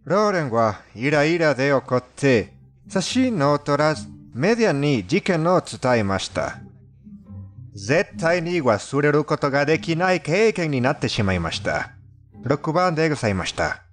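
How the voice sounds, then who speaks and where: At a moderate pace, a high-pitched, animated man speaking Japanese with a foreign accent narrates scripted creepy stories for a fandubbed countdown video, with music playing behind him.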